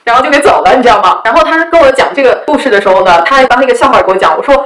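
A woman's voice: fairly high pitch, expressive, racing, fairly bright tone, reverberant, rough recording. A woman telling stories to her viewers in a casual, chatty way, often asking "you know?". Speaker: vlogger. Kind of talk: casual storytelling.

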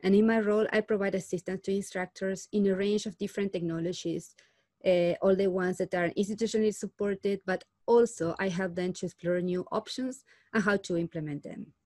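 A woman from Argentina, a learning technology specialist, answering interview questions thoughtfully with frequent "uh" pauses. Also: mid-range voice, steady tone, mellow, no room sound, clean studio sound. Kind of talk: conversational podcast interview.

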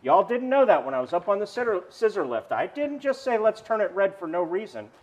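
A man's voice: high voice, a little fast. A male pastor preaching a sermon outdoors, telling stories and asking the congregation questions. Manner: animated storytelling preacher, asks the congregation questions.

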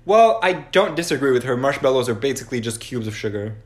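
A young man co-hosting a podcast, chatting casually with a relaxed, wry manner. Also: mid-range voice, fast talker. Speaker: podcast co-host. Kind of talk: casual chat.

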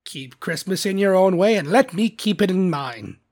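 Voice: medium pitch, expressive, takes it slowly, vocal fry, slightly rough, full character voice. Narrator doing a grumpy old miser man, stern n growly, scornful storybook character. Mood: indignant. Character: cold, bitter old miser uncle, scornful.

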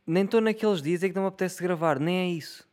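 A solo podcaster in his twenties with a European Portuguese accent speaks quickly in a high-sitting, slightly mellow voice. His casual monologue wanders and jokes, with free swearing and laughs at his own jokes.

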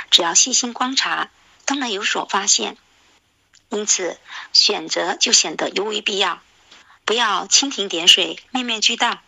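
A woman with a very bright, forceful voice speaks as a teacher giving feedback. She is formal and instructive, reading measured commentary, recorded close and dry. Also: mid-range voice, no room sound, low-quality recording. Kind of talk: scripted commentary.

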